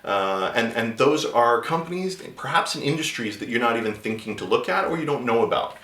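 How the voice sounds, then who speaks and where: Animated and fairly quick, this man's mid-range voice has a fairly bright tone, recorded in an echoey room. In his vlog he gives casual job-search advice as a native English speaker, conversational, with lots of restarts and filler words.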